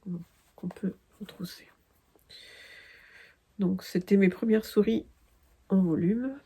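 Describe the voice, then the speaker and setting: A woman from France chats slowly through her crafting vlog, pausing often with fillers and false starts. Her voice is low-toned and mellow with a gravelly, husky edge. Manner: hesitant, many fillers and restarts. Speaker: crafting vlogger. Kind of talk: casual chat.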